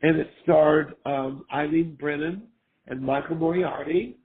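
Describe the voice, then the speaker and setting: An older man, hoarse from a cold, chatting casually as an interview guest and rambling with lots of fillers. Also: fairly high pitch, fairly even intonation, unhurried. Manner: rambling, full of fillers and restarts. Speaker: guest, former costume maker. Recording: tinny phone-line sound.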